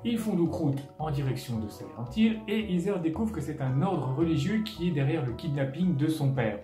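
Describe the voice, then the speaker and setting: A man's voice: on the high side, animated, moderate pace, dark tone. A man narrating a scripted comedic film recap as host, sarcastic and full of casual asides, with music underneath. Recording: roomy echo, music underneath.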